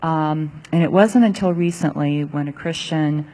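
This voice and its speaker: A woman's voice: sits low, unhurried, mellow. A woman from Taiwan, an audience member sharing a personal testimony, hesitant with many fillers.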